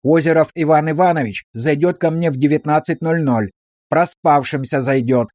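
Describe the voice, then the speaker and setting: A man's voice: on the high side, a little mellow, no echo, studio quality, close to an everyday voice. A man reading a stern, ironic village policeman. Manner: measured, drily ironic questioning.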